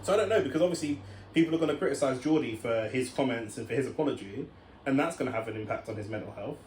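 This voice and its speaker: Fast-talking young man in a roomy space. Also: mid-range voice, animated, a little mellow. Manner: quick, emphatic, repeats words when starting a point. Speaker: podcast co-host. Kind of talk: casual chat. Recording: roomy with faint noise.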